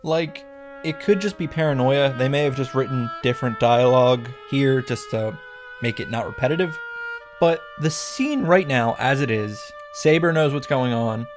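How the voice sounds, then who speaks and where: Over background music, a man narrates a scripted comedy recap as a visual novel reactor, his humor dry, profane and playfully grandiose. He speaks at a medium pitch and a moderate pace.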